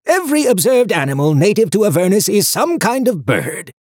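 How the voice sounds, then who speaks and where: A man's voice: high-pitched, very animated, fairly quick, no echo, clean studio sound, voice pushed up. A man voicing a fussy, pedantic talking book that lectures nonstop. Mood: enthusiastic. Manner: lecturing, know-it-all. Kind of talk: audiobook character voice.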